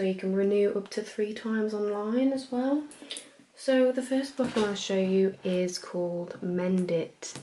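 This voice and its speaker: A woman playing a friendly, chatty librarian in a soft-spoken, gentle and informal ASMR role-play. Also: mid-range voice, slight background noise, close to an everyday voice. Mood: soft, helpful. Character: friendly, chatty female librarian recommending books.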